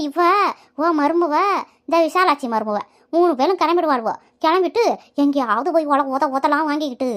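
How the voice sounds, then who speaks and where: A woman's voice: sits high, fairly bright tone. A woman voicing grumbling old widow Pankajam. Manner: complaining, scolding. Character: grumbling elderly village widow, mother-in-law. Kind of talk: cartoon voice acting.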